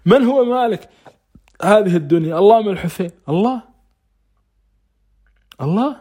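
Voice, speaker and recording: A man's voice: high voice, expressive, moderate pace, dark tone, breathy edge. A man giving an informal religious lesson on scripture, asking rhetorical questions and answering them himself. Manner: recites scripture between conversational explanation. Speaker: religious teacher.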